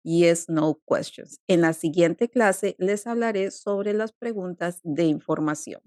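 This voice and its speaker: Slow, mellow-voiced woman teaching grammar. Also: lowish voice, dry recording, studio quality. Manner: patient, deliberate explaining with repeated examples. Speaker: English teacher. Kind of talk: slow, clear grammar lesson.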